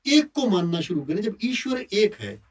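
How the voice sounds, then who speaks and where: A man at a religious gathering expounding his view with animated delivery. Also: sits high, moderate pace, husky, far from the mic. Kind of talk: discussion talk.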